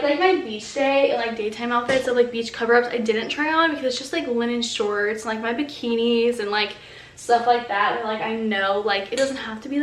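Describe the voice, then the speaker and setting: A woman's voice: a little high, fairly bright tone, a little hiss or hum. A young woman vlogging in a casual, chatty way, peppering her talk with "like", recorded at home. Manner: chatty, fills speech with "like". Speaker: lifestyle vlogger. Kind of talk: casual chat to camera. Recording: echoey room.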